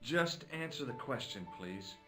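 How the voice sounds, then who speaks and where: An actor playing a calm young male amateur detective in a video game, questioning a witness in a dry, level way. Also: medium pitch, unhurried, soft background music.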